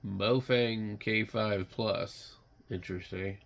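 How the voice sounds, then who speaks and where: Gravelly, slow-talking sick man muttering casually. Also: lowish voice, fairly even intonation. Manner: muttering, unscripted, halting, blunt. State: sick, occasional coughing and throat clearing. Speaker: radio hobbyist vlogger. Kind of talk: casual rambling commentary while browsing online.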